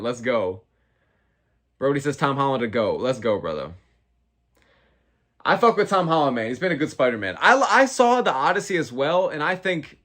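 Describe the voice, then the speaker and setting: Hosting a casual fight watch-along livestream, a young man answers chat and talks like a slangy, profane frat bro. His voice is mid-range with a fairly bright tone.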